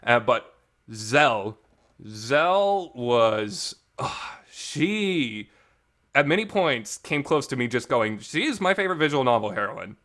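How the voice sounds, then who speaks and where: With big pitch swings and a slow delivery, this talk show host's medium-pitched voice comes across a bit bright. He runs a casual visual novel show and is giving an informal, emphatic, enthusiastic fan review. Reverb colors the recording.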